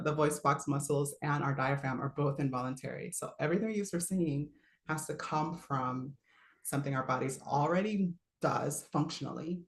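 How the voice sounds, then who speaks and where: Chatty and relaxed, a woman with a deep voice teaches singing live online, often laughing and stopping to model sounds. The audio has a roomy quality.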